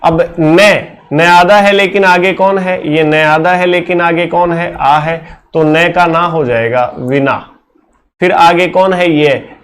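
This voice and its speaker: A male teacher with a fairly high voice leads a classroom lecture at a measured, unhurried pace. He works through each step slowly and keeps throwing quick questions back at his students to check they follow. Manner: explains step by step with constant rhetorical questions to students.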